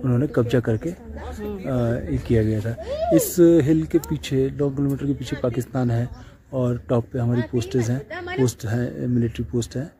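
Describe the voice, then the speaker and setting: A man giving an unscripted outdoor explanation, pointing out the view and pausing often on fillers. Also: mid-range voice, a crowd in the background. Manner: halting, many fillers, points things out.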